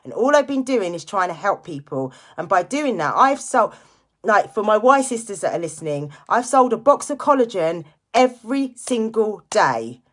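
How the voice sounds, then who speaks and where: With a mid-range voice at normal speed, a very animated woman in her late forties hosts a live stream. As a direct seller, she gives a casual motivational talk, addressing listeners directly and informally while repeating key phrases for emphasis.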